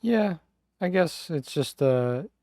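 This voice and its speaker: A man's voice: a little high, expressive, slow, mellow, dry recording, studio quality. A young man chatting casually on a podcast, hesitant and trailing off.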